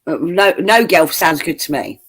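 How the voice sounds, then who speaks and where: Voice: medium pitch, moderate pace, a bit bright, slightly rough. A co-host chatting casually on a livestream, teasing and laughing often. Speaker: stream co-host. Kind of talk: casual stream chat.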